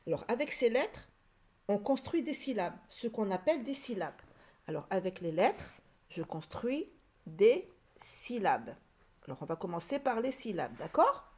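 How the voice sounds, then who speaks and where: A woman teaching a reading lesson to children, slow and patient, repeating each point and sounding out letters and syllables. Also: mid-range voice, sing-song, a little mellow.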